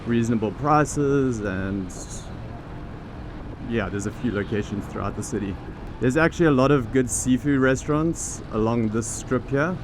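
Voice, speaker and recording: Traffic hums in the background as a vlogger and teaching-program founder talks to the camera from his motorbike on busy city streets. His mid-range voice moves at a moderate pace, relaxed and chatty, as he thinks out loud and restarts thoughts.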